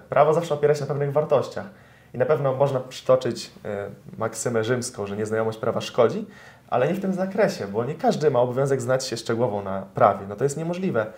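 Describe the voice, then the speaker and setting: A man's voice: mid-range voice, a little mellow. Young man explaining law. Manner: explanatory, many fillers, addresses viewers politely. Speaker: lawyer. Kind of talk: interview answers, explaining law.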